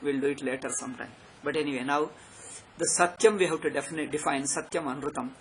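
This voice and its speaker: A South Indian man with a fairly high voice delivers an unscripted religious discourse. He is emphatic and repetitive, pressing his points like a teacher, with faint noise behind him. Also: steady tone, quick pace, low-quality recording. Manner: emphatic, repetitive exhorting with tag questions. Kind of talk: spiritual discourse, extempore. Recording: background noise.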